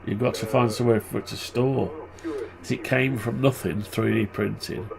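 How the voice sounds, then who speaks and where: His voice is gravelly and mid-range, steady at a normal speed, and clearly blocked up, since he's tired and congested with flu. The man rambles and mutters while thinking aloud through a casual hobby tutorial he's presenting.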